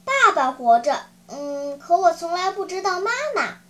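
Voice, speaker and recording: A woman's voice: extremely high pitch, expressive, moderate pace, fairly bright tone. A woman voicing a brave, earnest wooden puppet boy who pleads for a friend.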